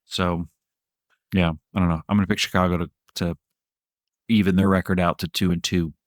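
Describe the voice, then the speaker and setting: A man's voice: sits low, level tone, fairly quick, dry recording, clean studio sound. A man co-hosting a fantasy football podcast, rambling in casual chat, with laughs and swearing. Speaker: podcast co-host.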